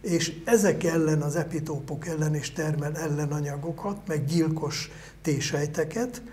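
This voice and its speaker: An older man answering interview questions as a virologist, in a measured, explanatory way with pauses to find his words. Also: on the high side, a little mellow, a little hiss or hum. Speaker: virologist guest.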